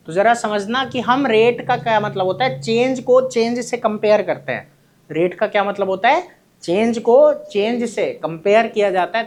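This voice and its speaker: A high-voiced male teacher delivers a lecture to his class, repeatedly asking quick questions and responding to them himself. He speaks of his students fondly as his children.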